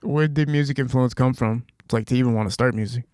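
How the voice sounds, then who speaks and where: A man's voice: medium pitch, quick pace, a little mellow, dry recording, clean studio sound. A man hosting a podcast, asking long, winding questions in a casual way. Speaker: podcast host. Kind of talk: casual interview.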